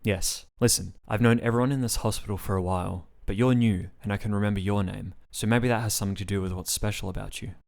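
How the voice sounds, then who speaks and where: A man's voice: on the low side, steady tone, fast, vocal fry, hardly any pauses, a little mellow. A man reading the part of a confused, earnest male patient in a storybook reading.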